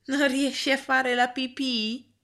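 A woman's voice: sits high, big pitch swings, takes it slowly, voice pushed up, full character voice. A woman doing a cheeky, teasing schoolboy. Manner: teasing, sing-song.

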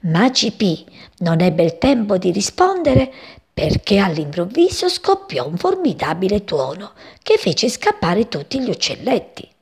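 A woman reading a children's story aloud in an expressive storytelling manner. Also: medium pitch, a little slow, slightly rough.

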